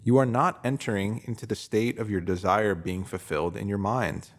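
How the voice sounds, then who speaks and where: Reading a written self-help post aloud, a man narrates in an instructive, measured way and poses emphatic rhetorical questions. His voice is fairly low with fairly even intonation.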